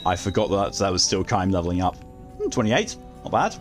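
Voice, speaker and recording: A man's voice: low voice, big pitch swings, moderate pace. A man streaming a video game, chatting casually in a rambling, wry way with some swearing. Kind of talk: casual live game commentary and chat. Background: game music.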